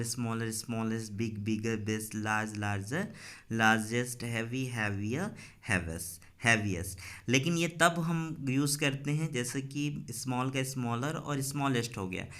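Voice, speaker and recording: A man's voice: mid-range voice, a bit bright. Indian man teaching an English class. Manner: mixes Hindi and English, addresses students as children, repeats words slowly. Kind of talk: explaining a textbook lesson.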